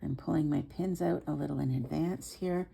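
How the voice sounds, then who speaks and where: A woman with a low, relaxed voice and a noticeable creak walks a learner through a practical task. She is careful and unhurried, explaining each small step in informal, reassuring words. There is slight background noise in the recording. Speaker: sewing instructor. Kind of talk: step-by-step hands-on tutorial narration.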